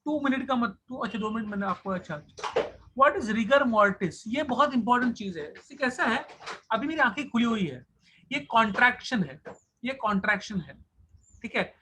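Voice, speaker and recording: A man's voice: extremely high pitch, lively intonation, normal speed, background noise. A man teaching biology in an online class, chatty and joking as he switches between Hindi and English.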